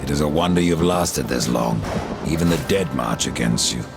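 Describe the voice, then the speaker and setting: A man playing Death in a video game, a grim, sardonic undead horseman who speaks tersely in a raspy voice. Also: moderate pace, over loud music. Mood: sardonic, challenging. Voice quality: very deep gravelly rasp. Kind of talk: video game character acting.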